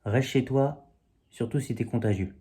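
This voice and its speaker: Here an amateur poet sits at home reading his own comic poem on video, mocking himself between the verses. He speaks at a normal speed in a warm, mid-range voice.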